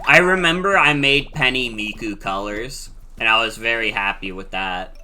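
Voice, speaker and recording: A man in his twenties, a streamer chatting casually while he plays, excitable and quick to swear. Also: fairly low pitch, a little hiss or hum. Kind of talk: casual game-stream chat.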